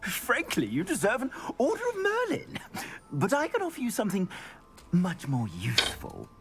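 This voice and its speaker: An actor playing a pompous, courtly middle-aged wizard clothier in a video game, speaking in a formal, flowery way. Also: male voice, high voice, huge pitch swings, normal speed, background noise, heavily acted. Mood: gracious.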